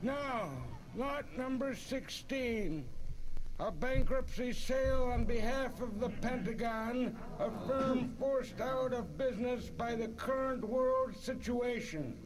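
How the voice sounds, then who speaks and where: A man playing a formal, officious auctioneer, reading out lots deliberately in a comedy sketch. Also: very high-pitched, poor audio.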